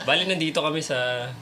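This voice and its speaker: A man's voice: a little high, noisy background. A young man with a Filipino accent, making wry, questioning remarks in a casual live-stream podcast. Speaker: podcast co-host.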